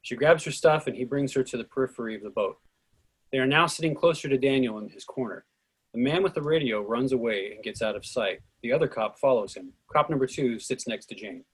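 A man with a husky, slightly rough, medium-pitched voice narrates a script's stage directions. He speaks fairly quickly, keeping to short declarative sentences.

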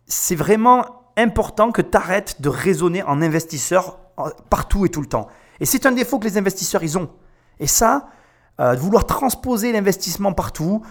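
Chatty French-speaking male commentator. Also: high voice. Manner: chatty, informal, emphatic. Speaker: host commenting on a pitch show. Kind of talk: casual commentary.

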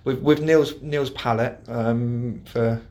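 A man's voice: mid-range voice, fairly even intonation, slow pace, darkish tone. Rambling, jokey man. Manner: rambling and jokey, full of hesitations. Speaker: podcast pundit. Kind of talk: casual football podcast chat.

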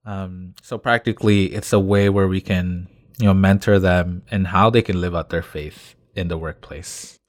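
A man's voice: low voice, steady tone, moderate pace, few pauses, dry recording, clean studio sound. A man from Canada co-hosting a casual chat, explaining his views at length with frequent fillers. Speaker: podcast co-host.

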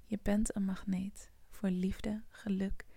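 A woman guides a morning meditation in a soft, whispery voice. She speaks very slowly, her tone dark and mellow with a heavy gravelly fry. The sound is close and dry. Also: medium pitch, flat delivery, no room sound. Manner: soft whispery, slow, soothing. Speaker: podcast host guiding a morning meditation.

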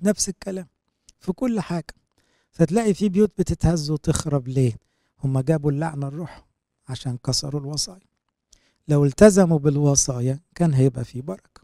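A man's voice: on the high side, fast talker, mellow, no echo, studio quality. A man with an Egyptian Arabic accent, a priest giving a Bible commentary sermon, reading verses and explaining them in everyday speech. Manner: explains scripture in colloquial asides, quoting verses.

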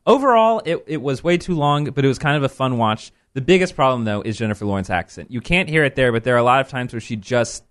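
Lively man hosting a film chat. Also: mid-range voice, quick pace, few pauses. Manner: lively, rambling, self-correcting. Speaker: podcast host. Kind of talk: casual film review chat.

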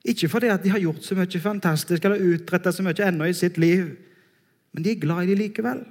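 A man preaching a sermon in a church, earnest and emphatic, slowing down on his key phrases. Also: high voice.

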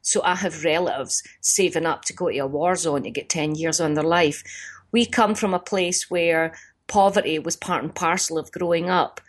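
A middle-aged woman from Scotland with a Glaswegian accent, talking as a comedian guest in a phone interview, animated and storytelling. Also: lowish voice, moderate pace. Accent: Glaswegian Scottish. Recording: phone line.

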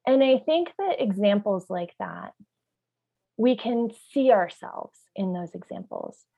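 A woman of middle pitch talks through ideas in a podcast discussion, pausing to search for words before building into a lively story. The recording sounds a little dull and lo-fi. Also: creaky. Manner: thoughtful, searching for words, vivid when storytelling. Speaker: parent trainer.

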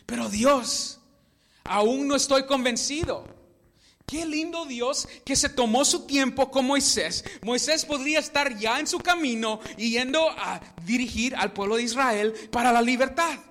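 A man preaching a sermon in a relaxed storytelling way, sometimes stopping to search aloud for a word. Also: very high voice, normal speed, few pauses, in a large hall.

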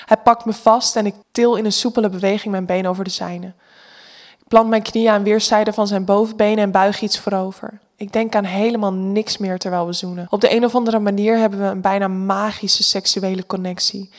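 A woman with a Dutch accent giving calm, intimate first-person story narration. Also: medium pitch.

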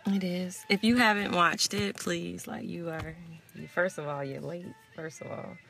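A woman's voice: on the low side, measured pace, gravelly, faint music behind. A woman hosting a podcast, chatting casually and animatedly, with features in her speech. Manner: animated, bursts into loud laughter. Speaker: podcast host. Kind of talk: casual chat.

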